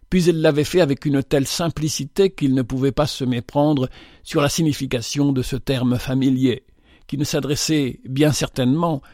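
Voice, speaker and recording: A man reading a novel aloud in measured, even storytelling narration. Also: mid-range voice, dry recording, clean studio sound. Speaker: audiobook narrator.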